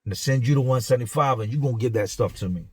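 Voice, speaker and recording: A man voicing a jittery, pushy male addict cellmate, who pleads and talks fast. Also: medium pitch, darkish tone, husky, no echo, close to an everyday voice. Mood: pleading.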